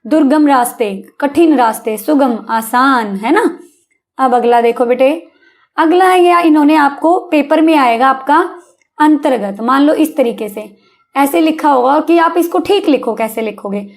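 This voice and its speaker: A woman teaching a Hindi vocabulary lesson to children, coaxing them with "hai na?" and spelling words out slowly. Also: high-pitched. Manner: coaxing, calls listeners beta, asks "hai na?".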